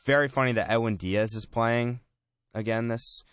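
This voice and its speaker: A man hosting a casual sports talk show on college radio, chatty and relaxed, often saying "man" and "I mean". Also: medium pitch, normal speed, clean tone, no echo.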